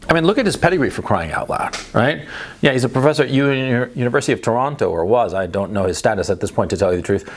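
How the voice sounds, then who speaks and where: Man, gravelly voice, mid-range pitch, blunt and emphatic, opinion monologue, lots of restarts and "right?". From Chile and the United States. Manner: emphatic, blunt, repeats for stress; speech full of restarts and tag questions. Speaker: political commentator.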